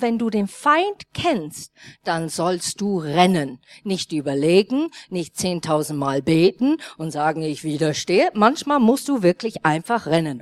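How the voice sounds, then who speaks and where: A woman's voice: mid-range voice, no echo. A woman pastor preaching a sermon and telling a personal story, speaking as a with small grammar slips, acting out the dialogue in her story. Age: 30s or older. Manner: lively storytelling, acts out dialogue, non-native grammar slips.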